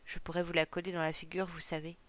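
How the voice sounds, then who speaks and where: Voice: mid-range voice, level tone, quick pace, fairly bright tone, lightly acted. A reader voicing a sulky ferry girl. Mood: defiant. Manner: sulky, defiant. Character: insolent red-haired teenage ferry girl.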